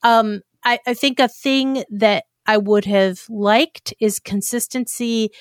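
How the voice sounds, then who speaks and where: A woman giving a chatty, animated critique as a judge on a podcast contest. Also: a little high, slow, smooth, no room sound, studio quality. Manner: chatty, animated, with many fillers. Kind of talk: casual critique.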